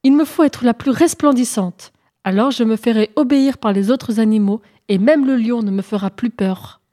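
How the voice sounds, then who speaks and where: Boastful storybook doe, bright and proud, woman voicing. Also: fairly high pitch, normal speed, natural voice. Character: vain ambitious female doe.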